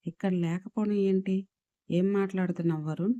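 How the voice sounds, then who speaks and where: A woman's voice: medium pitch, steady tone, normal speed, dark tone, highs cut off, close to an everyday voice. Woman voicing a shaken blinded young husband. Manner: shaken, insistent.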